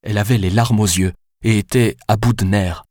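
Low-voiced male audiobook narrator. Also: steady tone, moderate pace, darkish tone, dry recording, studio quality. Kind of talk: scripted narration.

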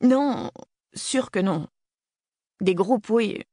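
Narrator plays a nervous teen stoner hiker, mumbling slang, pitched up, dry. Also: male voice, drawn-out words, darkish tone, no room sound, exaggerated voice. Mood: defensive.

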